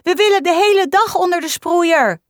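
Shrill excited kindergartners. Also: female voice, moderate pace, dry recording, studio quality. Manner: shrill, chanting. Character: group of excited young kindergartners. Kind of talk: storybook reading.

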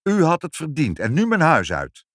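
A man's voice: a little high, huge pitch swings, normal speed, no room sound, clean studio sound, voice pushed up. Een man die een mopperende, zuchtende vader speelt in een voorgelezen kinderverhaal. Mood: stern. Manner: grumbling, exasperated. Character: gruff, sighing father in a storybook.

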